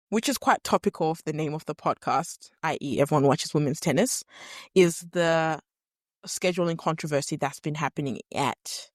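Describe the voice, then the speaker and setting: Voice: mid-range voice, no echo, clean studio sound. Nasal-sounding podcast host with a cold. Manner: earnest, opinionated, chatty. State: stuffy nose, sniffling. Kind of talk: solo podcast commentary.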